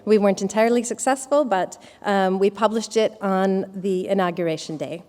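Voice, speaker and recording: A woman's voice: mid-range voice, normal speed, a little mellow. Woman presenting in a reverberant hall. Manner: storytelling delivery with hesitant fillers. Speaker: conference presenter. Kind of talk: lightning talk.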